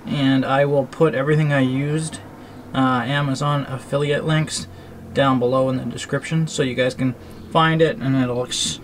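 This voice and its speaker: This man narrates a relaxed how-to on trailer plumbing as a DIY host, speaking at a moderate pace in a mid-range voice with fairly even intonation. Background noise comes through clearly.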